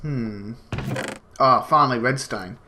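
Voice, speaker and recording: Heavy background noise surrounds this slow, medium-pitched man. He hosts a gaming channel and, sniffling from a slight cold, gives rambling, casual gameplay commentary packed with fillers, explaining as he goes.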